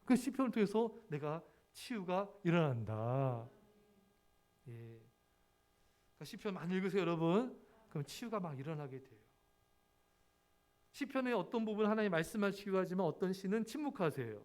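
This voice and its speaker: A man's voice: high voice, big pitch swings, moderate pace, long pauses, a little mellow. A man preaching a sermon as pastor, earnest and repetitive, often calling out to his congregation. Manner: earnest, repeats key words, addresses congregation often. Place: church sanctuary.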